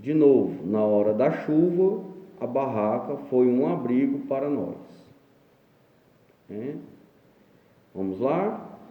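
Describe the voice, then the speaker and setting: A Brazilian man teaching an online class, reading dictionary entries aloud and explaining them slowly, often checking in with "né?". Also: medium pitch, expressive. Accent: Brazilian Portuguese. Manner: slow, explanatory, reads entries aloud with frequent "né?". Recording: echoey room, dull lo-fi sound.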